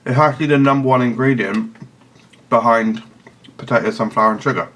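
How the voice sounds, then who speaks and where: A man's voice: mid-range voice, a little fast, fairly bright tone. A man giving a casual product review in a blunt, picky, analytical manner. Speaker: snack reviewer. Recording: noticeable background noise.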